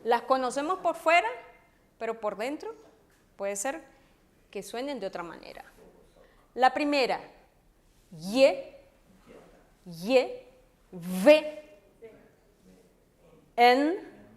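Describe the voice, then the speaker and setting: A woman's voice: sits high, lively intonation, unhurried, long pauses. A woman teaching a language lesson to an audience at a book launch, spelling out letters and repeating each word. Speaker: teacher and author. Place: event room with an audience.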